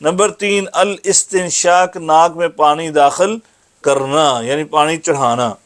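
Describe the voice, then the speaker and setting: A man giving a religious lesson, reciting Arabic phrases slowly and then explaining them plainly. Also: a little high, a bit bright. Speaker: Islamic teacher giving a hadith lesson.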